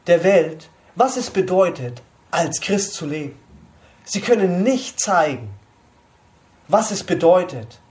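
A man's voice: high-pitched, darkish tone. A man giving an informal sermon to a small group, conversational, often asking his listeners questions. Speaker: preacher at a small church group.

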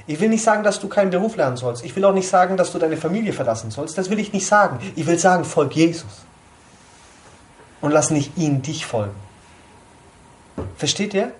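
A man's voice: fairly high pitch, lively intonation, brisk, pauses often, slight background noise. A man giving an informal sermon to a small group, conversational, often asking his listeners questions. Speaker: preacher at a small church group.

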